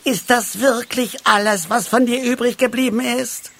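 A man voicing a small, excitable man in tin armor in a storybook reading, with high, drawn-out exclamations. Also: slightly rough, full character voice. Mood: lamenting.

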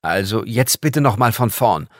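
A man voicing a calm, sensible young man who speaks firmly and matter-of-factly. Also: fairly low pitch, measured pace, no echo, clean studio sound. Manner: firm, matter-of-fact.

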